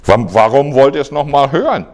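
A man's voice: medium pitch, expressive, brisk, close to an everyday voice. A man reading as a bold, exasperated healed man. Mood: insistent. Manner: insistent, exasperated. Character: formerly blind man, bold and plainspoken.

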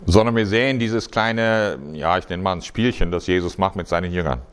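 Low-voiced man preaching informally. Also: clean tone. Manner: conversational, halting, many restarts. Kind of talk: sermon.

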